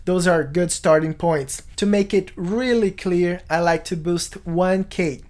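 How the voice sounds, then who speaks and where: Clear-spoken man presenting a tutorial. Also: sits high, a little slow, a little mellow. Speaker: music production tutorial host. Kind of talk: explanatory video tutorial to camera. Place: small home studio, indoors.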